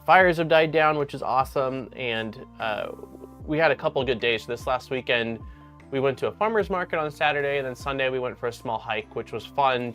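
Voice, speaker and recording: A man's voice: mid-range voice, a bit bright. A man hosting a casual livestream, talking in an upbeat, rambling way with lots of fillers. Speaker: livestream host.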